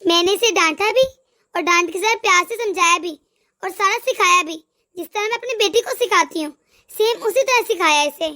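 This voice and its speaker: A warm-hearted middle-aged mother-in-law from an animated moral story, voiced by a woman. She reasons and advises patiently in a very high, bright tone. Her manner is gentle and lecturing. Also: normal speed. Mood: gentle advising. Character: kind, wise middle-aged mother-in-law named Shakila.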